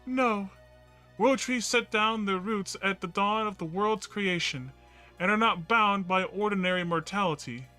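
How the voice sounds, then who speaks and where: Guy doing a higher voice for a solemn lady tree spirit, grave and formal, pleading, bright tone. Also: measured pace, clear, resonant tone, faint music behind.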